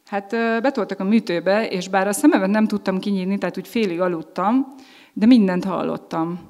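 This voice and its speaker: Earnest low-voiced woman in a hall. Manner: earnest, with frequent hesitations and restarts. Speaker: speaker giving a personal testimony. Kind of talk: personal testimony talk.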